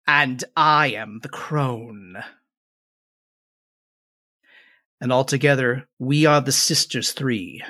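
An ancient, menacing old hag of a fey sisterhood played by a man in a tabletop fantasy game. She draws her words out slowly and deliberately. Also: medium pitch, pushed and bright. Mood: ominous, solemn. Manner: old hag's slow, drawn-out, deliberate speech. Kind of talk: in-character tabletop role-play.

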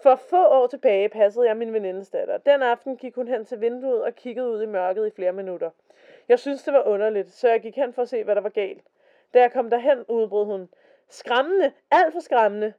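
On a casual podcast, a woman co-host with a warm voice on the high side chats and reads stories aloud. She takes quotes more slowly than the rest. The recording sounds dull and lo-fi.

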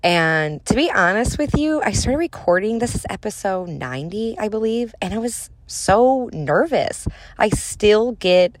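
A woman's voice: medium pitch, expressive, measured pace, a little hiss or hum. A woman in her thirties hosting a solo podcast, talking casually in an upbeat, chatty and encouraging way. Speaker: podcast host and motivational speaker.

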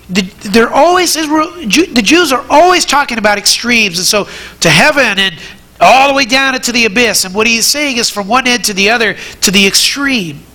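Bright, high-voiced male preacher. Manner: earnest, repeats words when starting phrases, rising emphatic peaks. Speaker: pastor. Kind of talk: sermon.

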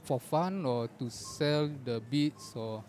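A man's voice: medium pitch, slow pace, darkish tone. A man with a Singaporean accent chatting casually, using colloquial clipped grammar and Singlish particles. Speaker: podcast co-speaker on beat making. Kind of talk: casual chat. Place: out and about in a public place. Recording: noisy ambience of a public place.

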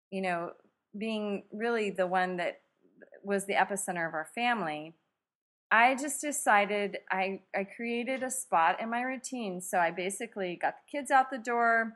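A middle-aged woman author, guest in a conversation, telling a story and acting out quoted lines with laughter. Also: medium pitch. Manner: animated, acts out quotes with laughter.

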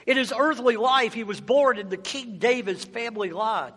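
A male preacher delivers a sermon in a strikingly high-pitched voice. He is passionate and emphatic, urging his listeners on with repeated phrases and rhetorical questions. The sound rings with the long reverb of a large hall. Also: normal speed, fairly bright tone. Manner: exhorting, with rhetorical questions and repetition. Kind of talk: sermon to a congregation.

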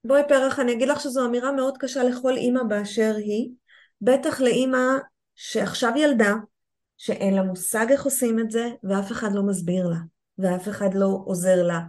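A woman's voice: a little high, steady tone, a little mellow. A woman hosting an interview, reflecting back and summing up what her guest says. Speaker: podcast host. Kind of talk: supportive interview.

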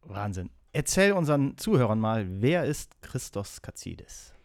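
A man's voice: medium pitch, sing-song, normal speed. A man hosting a podcast, asking questions in an upbeat, chatty way in a casual interview. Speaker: podcast host.

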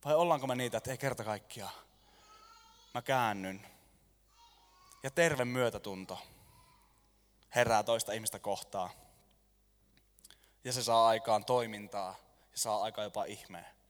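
A man preaching a lively sermon to a congregation, jokey and animated, staging a skit with volunteers. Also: fairly low pitch, long pauses. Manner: animated, jokey, lets the room laugh. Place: church hall. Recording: long reverb of a large hall.

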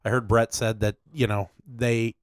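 A man's voice: on the low side, flat delivery, moderate pace, no room sound, clean studio sound. Chatty man hosting a podcast. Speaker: podcast host. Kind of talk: casual chat.

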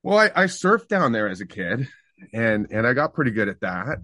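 Looking back on his past in a relaxed interview, a middle-aged singer-songwriter from Canada speaks with fillers and restarts. He has a medium-pitched voice at normal speed, captured in clean studio sound with no echo.

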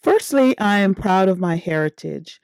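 A middle-aged woman from Guyana, hosting a podcast and telling her own story in a measured, earnest way. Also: medium pitch, expressive, a little mellow, dry recording. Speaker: podcast host. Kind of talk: scripted personal monologue.

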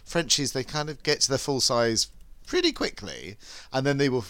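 A man's voice: medium pitch, sing-song, normal speed, a bit bright, dry recording. A man hosting a podcast in casual chat, with a camp manner full of affectionate endearments. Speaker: podcast host.

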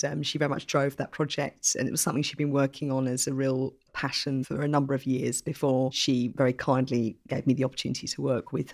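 A middle-aged woman from Essex, speaking reflectively and earnestly in an interview, repeating phrases for emphasis. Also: low-pitched. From Essex, England. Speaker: podcast guest, journalist and army reservist.

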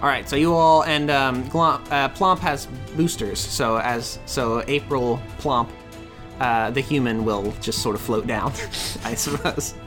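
A man's voice: mid-range voice, a little slow, over music. Laid-back male game master. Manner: relaxed, hesitant, full of fillers. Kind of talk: narrating a tabletop game.

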